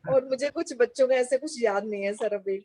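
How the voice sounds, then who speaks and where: A woman's voice: on the high side, a little fast, dark tone. An office worker, a woman, explaining things carefully in a casual group discussion.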